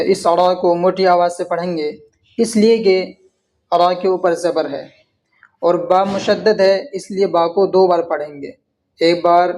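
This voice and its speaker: A man gives a tajweed lesson in a raised, fairly high voice. He lays out each pronunciation rule carefully, repeating points so students can follow. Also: darkish tone. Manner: patient, explanatory, repeats rules step by step. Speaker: Quran recitation teacher. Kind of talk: tajweed lesson with slow recitation.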